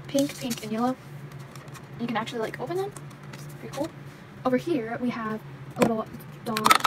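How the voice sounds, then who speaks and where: A young woman chatting casually as she shows off the pieces of a toy vet clinic playset, with lots of fillers like "like" and "um". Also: fairly high pitch. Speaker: toy unboxing vlogger. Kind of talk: casual unboxing show-and-tell. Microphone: handheld phone camera, speaker off screen. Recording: audible background noise.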